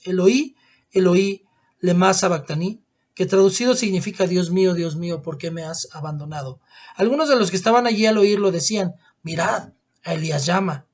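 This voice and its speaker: A preacher reading a long scripture passage aloud in a sermon, slowing and growing quiet at the emotional moments. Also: male voice, high-pitched.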